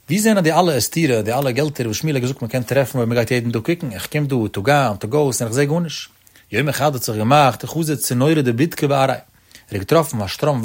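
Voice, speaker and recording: A man teaching a traditional religious text study lesson, his voice rising and falling in a study cadence. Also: medium pitch.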